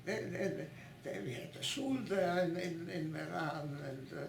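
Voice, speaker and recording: Gravelly halting woman in her nineties. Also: on the low side, a little hiss or hum. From born in Italy, raised in Italy and Switzerland. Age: 90s. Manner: halting, searching for words with many repeated restarts. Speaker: interviewee. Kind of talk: oral history interview. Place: her home. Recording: roomy echo in a home.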